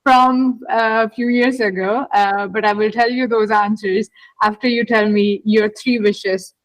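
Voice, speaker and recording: A woman's voice: medium pitch, fairly even intonation, a little slow, no echo, poor audio. A woman hosting a podcast interview, chatting casually and effusively, often repeating her phrases. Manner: enthusiastic, effusive, repeats herself. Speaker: podcast host.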